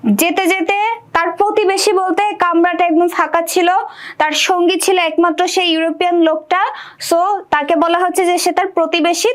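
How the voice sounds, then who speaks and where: High-voiced woman teaching literature. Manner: reads text aloud, then explains it and asks rhetorical questions. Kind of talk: exam-prep literature lesson.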